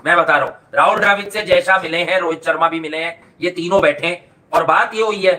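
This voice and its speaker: A man's voice: on the high side, fast, bright, forceful tone. A man talking cricket bluntly and chattily, often exclaiming. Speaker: cricket pundit. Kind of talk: casual cricket talk.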